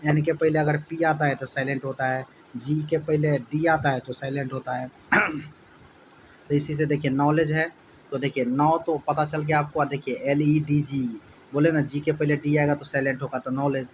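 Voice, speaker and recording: A man teaching a spelling lesson for exam students, spelling words out letter by letter and repeating each syllable slowly. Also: fairly high pitch, little pitch movement, a little hiss or hum, poor audio.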